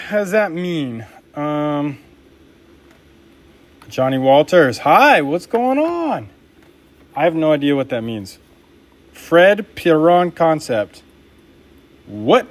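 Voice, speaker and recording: A young man making knives and chatting casually with his live-stream viewers while he works, upbeat and laid-back. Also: medium pitch. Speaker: knife maker live-streaming his work.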